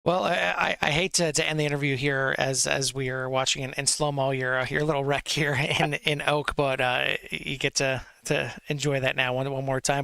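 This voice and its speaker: A man hosting a sim racing broadcast, interviewing drivers after the race in an upbeat, quick manner. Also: a little high, creaky, bright, forceful tone, smooth, dry recording.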